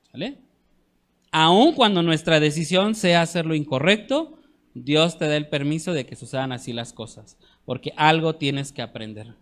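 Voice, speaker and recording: A man teaching a church discipleship class, earnest, often checking in with his listeners and slowing down to stress scripture. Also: on the high side.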